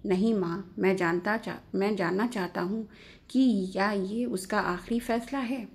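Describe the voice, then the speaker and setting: A woman's voice: medium pitch, a little slow, close to an everyday voice. A woman voicing a young husband who is hurt and irritated, pleading and curt by turns. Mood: earnest.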